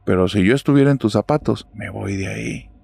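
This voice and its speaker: A man's voice: on the low side, a little fast, vocal fry, darkish tone, husky, no room sound, heavily acted. A man voicing a hardened young street gang tough who speaks bluntly and gives warnings. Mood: ominous.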